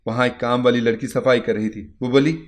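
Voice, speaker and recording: A man reading a first-person moral story in a steady, earnest narration. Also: medium pitch.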